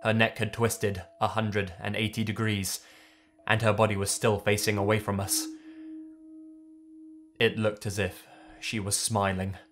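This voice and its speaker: A man's voice: on the low side, flat delivery, unhurried, noisy background. A man reading a horror story aloud in the first person, tense and dramatic. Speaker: narrator. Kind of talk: scripted horror story narration.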